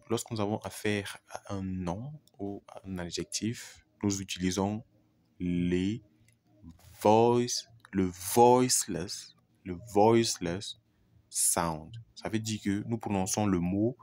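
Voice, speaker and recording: A man teaching English pronunciation who repeats each example word deliberately and addresses the viewer informally. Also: lowish voice, a little mellow. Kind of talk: pronunciation lesson.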